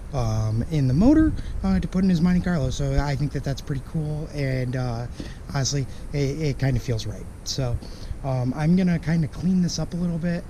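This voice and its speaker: A man with a hoarse voice that is partly lost, talking casually to camera in a rambling, apologetic way about a car project. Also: on the high side, warm tone. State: hoarse, losing his voice. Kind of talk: casual vlog talk to camera. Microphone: camera-mounted microphone. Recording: noisy ambient camera microphone recording.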